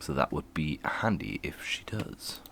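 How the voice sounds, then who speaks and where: A man's voice: extremely low pitch, expressive, unhurried, a bit bright, a little hiss or hum. A man giving casual, playful commentary while streaming a game, laughing and humming to himself as he plays.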